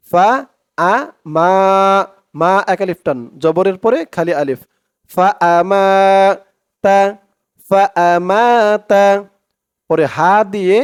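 A man teaching Quran reading, chanting drawn-out syllables for students to repeat and adding quick, quieter explanations of pronunciation rules in Bengali-accented speech. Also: sits high, no echo, clean studio sound. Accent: Bangladeshi Bengali. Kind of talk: slow recitation lesson with spoken explanations.

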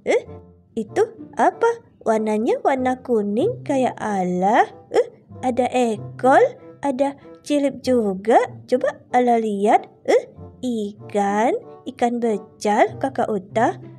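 A woman's voice: fairly high pitch, big pitch swings, slow, dark tone, soft background music, voice pushed down. A woman voicing a sweet, curious toddler in a game drama, with lisping baby talk.

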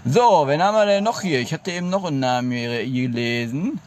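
A man hosting a live stream in casual chat, playfully reading out names and toying with silly words, often jumping into a squeaky voice. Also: fairly quick, darkish tone, slight background noise. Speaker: livestream host.

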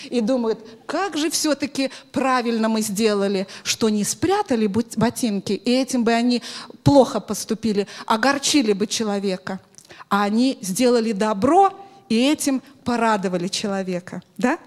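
A middle-aged woman teaching children through an interactive story, expressive and instructive, often putting questions to them, speaking into a handheld microphone in a hall. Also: a little high, moderate pace. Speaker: children's Sunday school teacher. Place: large bright church hall with audience of children.

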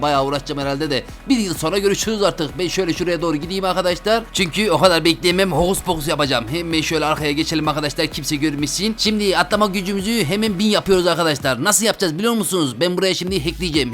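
A young man hosting a game video, commentating his play, chatty and slangy with sudden loud exclamations. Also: on the high side, rapid-fire, few pauses, faint music behind. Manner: excitable, loud outbursts and frequent exclamations; talks to viewers as friends, slangy. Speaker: gaming video host. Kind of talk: Roblox gameplay commentary.

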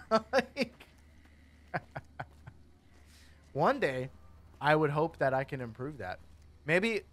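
A man's voice: a little high, a bit bright. A man casually commenting while he plays a game, joking, rambling and talking to the characters. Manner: goofy, rambling, jokey, talks to characters. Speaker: gaming streamer.

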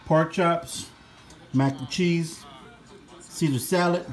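A middle-aged home cooking vlogger chats laid-back to viewers, calling them "guys," while making dinner in his home kitchen. His voice is fairly high and slow. He films on a phone held while cooking, so the recording picks up frying sizzle and kitchen noise.

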